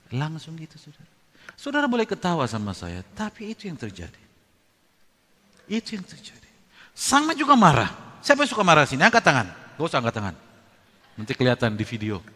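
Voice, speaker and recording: Animated preacher in an echoing hall. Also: male voice, on the high side. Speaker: pastor. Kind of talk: sermon. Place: church hall. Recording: long reverb of a large hall.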